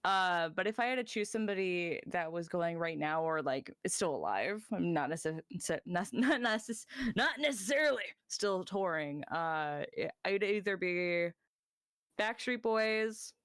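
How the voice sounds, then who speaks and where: A woman's voice: on the low side, lively intonation, unhurried, a bit bright, smooth, dry recording, studio quality. Giggly woman from Southern California. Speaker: VTuber guest. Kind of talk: casual chat.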